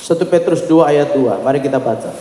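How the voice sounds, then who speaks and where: A man's voice: fairly high pitch, fairly quick, mellow. A male pastor with an Indonesian accent preaching a sermon, telling a story with acted-out dialogue and frequent asides to the congregation. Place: church hall. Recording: echoey church hall with long reverb.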